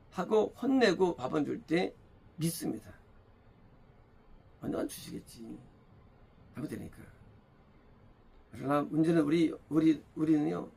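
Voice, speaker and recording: Gravelly, lively Korean pastor preaching. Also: male voice, fairly high pitch. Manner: emphatic, repeats phrases, asks rhetorical questions. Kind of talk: sermon. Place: church.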